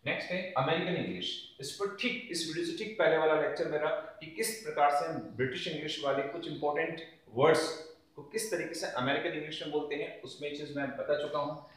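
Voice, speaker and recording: A man's voice: on the high side, fairly even intonation, a little fast, a bit bright. A man teaching an exam revision lecture, explaining grammar answers step by step and addressing the students as friends. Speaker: English teacher. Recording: very echoey room, mic at a distance.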